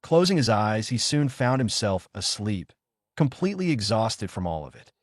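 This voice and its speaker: Low-ish male voice reading fan fiction, steady, slips on words now and then, dry close mic. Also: normal speed, no echo. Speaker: reader.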